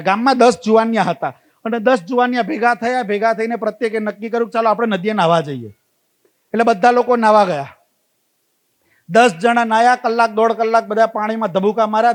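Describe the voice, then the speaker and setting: With a high voice, this man, an invited speaker, delivers a motivational talk to a community gathering. He tells stories, comes back to key phrases again and again, and asks the audience rhetorical questions.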